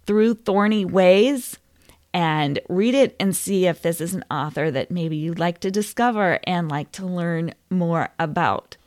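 A woman's voice: fairly low pitch, dry recording, clean studio sound. A woman hosting a book podcast, chatting enthusiastically about novels she recommends. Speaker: podcast host. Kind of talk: casual book recommendation talk.

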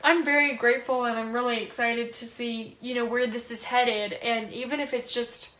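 A woman co-hosting a casual podcast, earnest and reflective in how she talks. Her voice sits fairly high. The recording has a roomy echo. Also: steady tone, normal speed, sharp tone. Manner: earnest, reflective, laughs easily. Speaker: podcast co-host.

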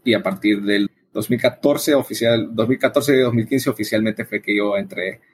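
Appearing as an interview guest, a man from El Salvador who runs coffee events talks at a normal speed in a fairly low, slightly rough voice. He answers in an explanatory, conversational style, often ending with tag questions.

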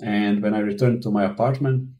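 Man, very deep voice, halting, lots of fillers, interview guest. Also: steady tone, mellow, poor audio. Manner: halting, many fillers and restarts, non-native grammar. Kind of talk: interview answers.

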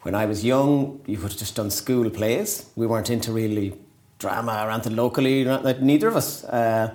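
A man's voice: medium pitch, brisk, a little mellow. A man in his forties with a west of Ireland accent, chatting casually and self-deprecatingly as an interview guest. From County Galway, Ireland. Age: 40s. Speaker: podcast guest.

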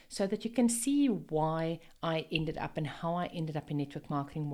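A woman's voice: low-pitched, darkish tone. A woman of about fifty with an Afrikaans South African accent, presenting a podcast monologue and addressing listeners earnestly and directly. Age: around 50. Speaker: podcast host. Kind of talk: introductory podcast monologue, partly scripted.

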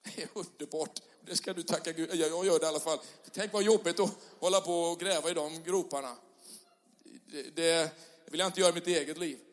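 A middle-aged male pastor preaching a sermon in a church hall, conversational with tag questions, rising to loud passionate peaks. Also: fairly high pitch, steady tone. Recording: long hall reverb.

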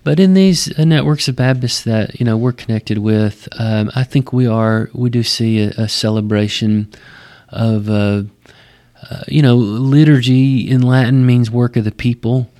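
A man with a West Texas twang, explaining things conversationally and thoughtfully like a pastor, often pausing mid-phrase. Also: mid-range voice, warm tone. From West Texas, United States. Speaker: Baptist pastor.

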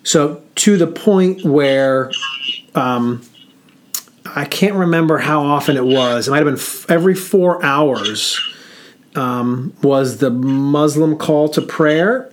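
Slow, halting man telling a story. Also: a little high, slight background noise. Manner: slow and halting, with frequent pauses and fillers. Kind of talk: reflective storytelling in casual chat.

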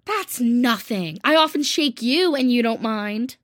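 A woman's voice: a little high, lively intonation, fairly bright tone, voice pushed up. A woman reading aloud, voicing a frank, spirited young woman who coaxes and scolds a friend. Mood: coaxing. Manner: coaxing, brisk.

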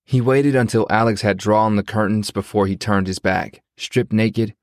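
A man with a fairly low voice narrates a scripted audiobook in a measured, even storytelling style. The recording is clean studio sound with no room noise.

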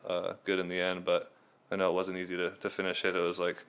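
A man's voice: low-pitched, completely flat delivery, fast talker, fairly bright tone, clear, resonant tone. A young man in casual chat, laid-back and filling his talk with "like" as he recounts editing a video. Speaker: video editor and filmer.

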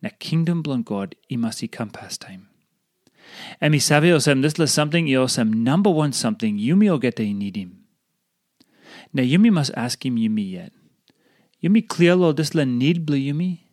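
A man's voice: medium pitch, animated, moderate pace, a little mellow, no echo. Png guy reading a devotional, papua new guinean accent, close dry sound. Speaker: devotional reader. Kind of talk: scripted devotional reading in Tok Pisin.

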